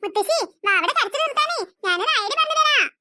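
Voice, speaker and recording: A woman's voice: expressive, fast talker, noisy background. A woman voicing an eager, chatty little cartoon girl. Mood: pleading. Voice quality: high childish voice. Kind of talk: cartoon dubbing.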